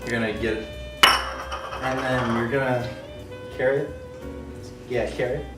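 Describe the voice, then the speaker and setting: A man's voice: medium pitch, steady tone, measured pace, distant mic. Man, giggly drunk, goofy rambling, casual cooking banter, echoey kitchen, background music. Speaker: co-host of a cooking video. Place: indoor kitchen. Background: music, clattering dishes.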